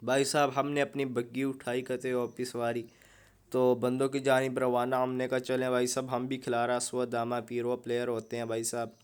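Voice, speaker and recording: A man's voice: medium pitch, monotone, moderate pace, smooth. A young man, giving casual, joking commentary over mobile gameplay. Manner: joking, chatty, keeps saying "bhai sahab". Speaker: gaming YouTuber.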